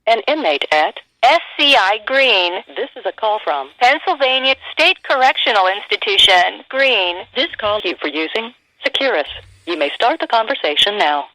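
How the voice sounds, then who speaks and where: Female automated prison phone announcement, bright, dry, scripted. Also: mid-range voice, moderate pace, no echo, rough recording. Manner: flat, scripted announcer delivery. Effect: prison phone system recording.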